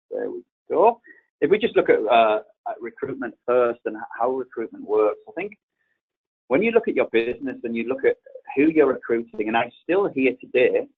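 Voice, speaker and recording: A man's voice: mid-range voice, breathy edge. A man from the north of England with a Northern English accent, presenting in a business webinar in a conversational way, often repeating words as he explains. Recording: tinny phone-line webinar audio.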